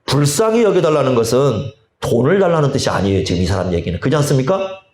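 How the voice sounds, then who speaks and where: A male pastor preaching a sermon, slow and deliberate, often asking the congregation rhetorical questions. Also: medium pitch, big pitch swings, a little mellow. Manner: slow, deliberate delivery with drawn-out phrases. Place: church sanctuary. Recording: echoey church hall.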